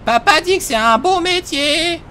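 A chatty little boy from a video game. The voice is extremely high and bright, oddly grandmotherly, over some noisy rumble. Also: expressive, measured pace, heavily acted. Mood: eager, cheeky. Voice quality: grandmotherly-sounding voice. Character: chatty, cheeky little boy who admires policemen. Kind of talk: acted video game dialogue.

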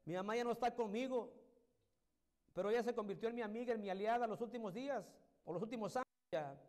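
High-voiced pastor preaching with fervor. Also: male voice, fast. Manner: impassioned, swings from loud exhortation to soft intimate tones. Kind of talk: sermon. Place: church.

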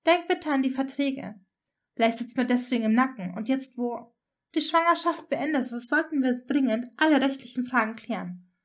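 A woman voicing a cool young witch who has just become a mother, brisk and matter-of-fact. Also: high voice, natural voice. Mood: businesslike.

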